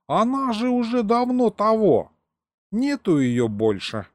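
Male reader as a drawling green alien glutton, slow and easygoing. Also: mid-range voice, wildly swooping pitch, darkish tone, no room sound. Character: slow green big-eared creature, good-natured glutton.

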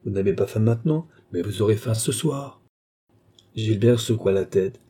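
A man's voice: lowish voice, moderate pace, dark tone, husky. A man voicing a mocking, commanding young court woman in an audiobook reading, with a teasing, condescending manner. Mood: stern.

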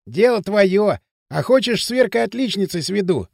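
A cocky teenage street lad who bosses his friend around in mocking slang, as a male audiobook narrator puts him on. The voice sits high and swings freely up and down, recorded close and dry. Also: sing-song, moderate pace, creaky, darkish tone, no echo, heavily acted. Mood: scheming. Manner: brash, mocking, pushy slang. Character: cocky bossy teenage boy from town outskirts. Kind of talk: audiobook character voice.

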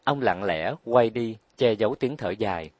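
A man narrating an audiobook in a calm, steady reading voice. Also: lowish voice, moderate pace, no echo.

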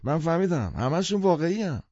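A man voicing an excitable half-drunk middle-aged man who stammers and marvels, in an audiobook. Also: a little high, dry recording, voice pushed up. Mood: excited. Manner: slurring, stammering, wonder-struck. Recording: dull lo-fi dry recording.

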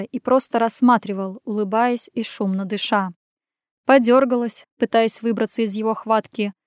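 A woman reading a first-person audiobook as the heroine, with lively dialogue. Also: a little high, clear, resonant tone, no room sound, studio quality. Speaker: audiobook narrator.

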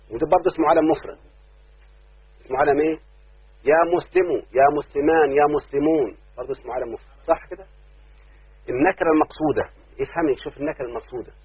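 A man with an Egyptian Arabic accent teaching a grammar lesson as a sheikh, often checking that students follow and slowing down on each example. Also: medium pitch, slightly rough, no room sound. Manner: keeps checking understanding, slows down to stress examples. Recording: tinny phone-like lesson recording.

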